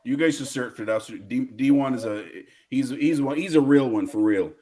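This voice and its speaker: A man with a Barbadian accent delivers an indignant fan rant about football. His pitch sits in an ordinary male range, and he speaks in slangy, emphatic bursts, hammering points home by repeating them. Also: normal speed, darkish tone. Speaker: football fan guest caller.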